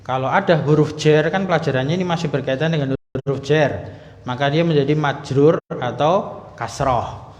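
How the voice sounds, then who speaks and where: A man's voice: fairly high pitch, moderate pace, a little mellow. A man teaching an Arabic class in a mosque, explaining step by step and asking the class questions. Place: mosque hall. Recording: echoey hall, dull lo-fi sound.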